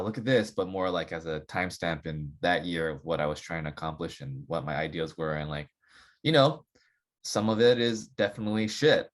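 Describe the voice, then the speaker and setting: A man, a saxophonist guest on a podcast, chatting casually and loosely, full of "like" and "you know". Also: sits low. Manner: relaxed, rambling, filler-heavy with many "like" and "you know".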